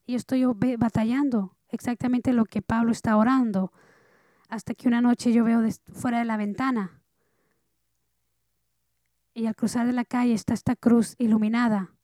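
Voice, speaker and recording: A woman preaching a sermon, her voice a little high and mellow. She moves between hushed, intimate lines and loud, urgent ones. The sound is close and dry, with no room around her. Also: steady tone, normal speed, pauses often, no room sound. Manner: earnest preaching, swinging between soft and loud. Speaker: pastor.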